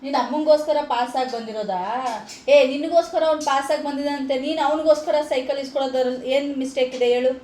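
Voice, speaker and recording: A woman with a Kannada accent from Kalaburagi, gently coaxing and consoling a crying child in a casual family vlog. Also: high-pitched, quick pace. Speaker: vlogger. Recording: echoey room, faint noise.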